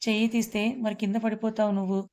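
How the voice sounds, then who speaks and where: A woman's voice: medium pitch, little pitch movement, fast, a little mellow, lightly acted. A woman reading as a bantering young hero. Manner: bantering, affectionate.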